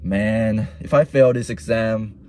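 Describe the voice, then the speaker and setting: A man's voice: lowish voice, takes it slowly, mellow, a little hiss or hum. A young man with a mixed Vietnamese-Australian accent, rambling and soul-searching in a casual personal vlog monologue, often repeating himself. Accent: Vietnamese-Australian mix. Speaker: vlogger.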